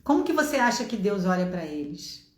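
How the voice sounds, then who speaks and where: A woman's voice: medium pitch, big pitch swings, brisk, echoey room. A middle-aged woman with a Brazilian accent preaching a passionate sermon from her home office, exhorting listeners and acting out dialogue from her testimony. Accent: Brazilian Portuguese.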